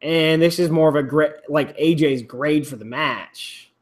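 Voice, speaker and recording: Slow, rambling man talking rugby. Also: fairly high pitch. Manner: rambling, restarts, swears casually. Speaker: rugby podcast host. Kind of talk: casual chat.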